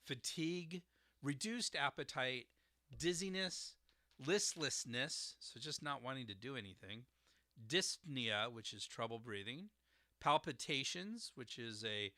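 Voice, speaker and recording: Guy hosting a herb podcast, really bright forceful voice, dry close sound, spells stuff out, lots of uhs. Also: mid-range voice, animated, a little slow, dry recording. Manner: explanatory, spells out words and tones with frequent uhs. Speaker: podcast host explaining herbal formulas. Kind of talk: solo educational podcast.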